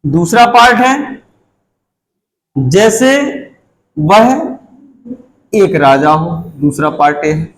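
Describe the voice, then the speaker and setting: A man teaches an English grammar lesson in a fairly high voice. He works through the rules step by step, repeating key words as he points to the board. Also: animated, very slow, pauses often, a little hiss or hum, rough recording. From India.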